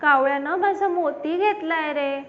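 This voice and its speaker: Chirpy little sparrow voiced by a woman. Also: unhurried. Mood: pleading. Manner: high, childlike, pleading. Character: small excited female sparrow, pleading. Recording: dull lo-fi with faint background noise.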